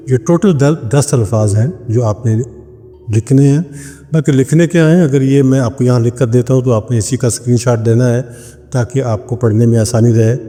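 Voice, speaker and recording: A man from Pakistan, a spiritual practitioner, teaching a ritual step by step. He speaks slowly and deliberately, repeating each word several times as he dictates it. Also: mid-range voice, dark tone. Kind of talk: instructional talk. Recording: long reverb with faint background music.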